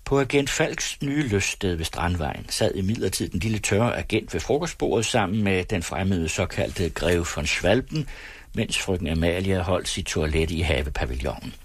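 Deep husky male storyteller. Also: no echo. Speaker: audiobook narrator. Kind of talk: scripted narration.

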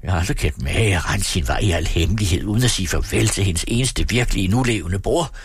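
A man voicing a blustering, greedy man who swings between rage and self-pity, ranting and accusing in a husky voice. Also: no echo, clean studio sound, full character voice. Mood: whining, self-pitying. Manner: ranting, accusing, shrill when furious.

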